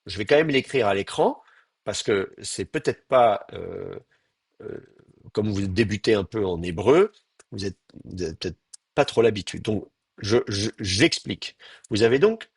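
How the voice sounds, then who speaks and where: A man lecturing a class, explaining step by step and often pausing on fillers as he sounds out words. His voice is a little husky and swings widely in pitch. The sound is close and dry. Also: dry recording. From France. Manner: explains patiently, hesitant fillers, demonstrates pronunciations aloud. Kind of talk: university lecture.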